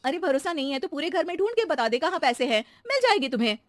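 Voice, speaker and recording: A woman voicing a sensible, wryly teasing housewife with an expressive delivery in a comedy cartoon. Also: high voice, quick pace, no room sound, studio quality. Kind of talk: comic Hindi cartoon acting.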